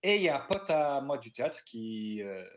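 Guy in his 30s from alsace on a crappy phone line, chatty storyteller doing little voices for what people said, mid-pitched. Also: normal speed. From France (Alsace). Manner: lively storyteller who acts out quoted dialogue. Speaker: guest improviser. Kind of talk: casual interview chat.

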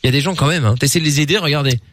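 A man's voice: fairly high pitch, very fast, a bit bright, dry recording, studio quality. A man hosting a late-night radio show, joking in a mock-indignant way. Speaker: radio host.

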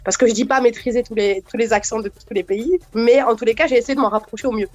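A woman from France, a comedian, chatting lively in a radio interview. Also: fairly high pitch, fast, muffled recording.

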